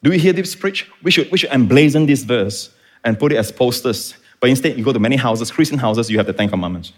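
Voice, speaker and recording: A man's voice: medium pitch, expressive, fast talker. Impassioned man preaching. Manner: impassioned, rising to shouts; teaching, explains Greek words. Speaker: pastor. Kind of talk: sermon.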